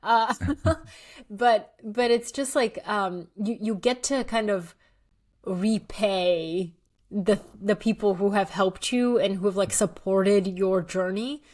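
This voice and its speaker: A Bulgarian-born woman in her thirties chats casually as a guest author in an interview, her voice medium in pitch, slow, and somewhat dark. She laughs often and fills her talk with likes, ums, and restarts.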